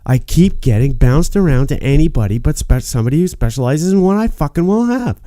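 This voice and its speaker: A man rambles on to camera, frustrated and cursing, stopping and restarting his sentences with plenty of fillers. His voice is very dark and mellow. The recording is close and dry. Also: a little high, expressive, no echo. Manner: frustrated, swearing, halting with many fillers and restarts. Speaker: vlogger.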